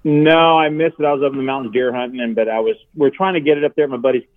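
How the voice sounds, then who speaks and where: A man's voice: medium pitch, racing, no room sound. A middle-aged man calling in on speakerphone from home, chatting in an easygoing, rambling way and chuckling now and then. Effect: on speakerphone over a phone call. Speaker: guest angler calling in. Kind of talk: casual chat. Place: his home. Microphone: cell phone on speakerphone. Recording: tinny dry phone line.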